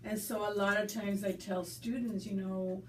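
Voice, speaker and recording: Moderately paced and steady in tone, this mid-range female voice belongs to a US-born school staff member being interviewed conversationally. She speaks with earnest thoughtfulness, including fillers and restarts. Faint background noise comes through a distant mic in a roomy space.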